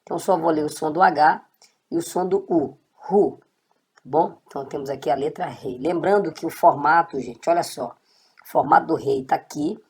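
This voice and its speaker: A woman's voice: low-pitched, brisk, a little mellow, breathy edge. A woman teaching a casual online Hebrew lesson, patiently checking in with her students.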